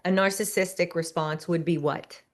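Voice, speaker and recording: Low-voiced woman host prompting calmly. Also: moderate pace. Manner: calm, prompting and summarizing. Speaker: podcast host and therapist. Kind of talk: interview questions.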